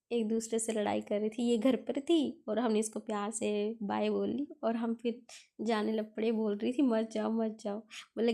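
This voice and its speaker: A young woman talks through her day as a relaxed vlog voice-over, chatty and homely. Her voice is a touch high and gravelly, with a dark tone. She keeps a fairly flat, even melody throughout. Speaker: vlogger. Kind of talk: casual vlog narration.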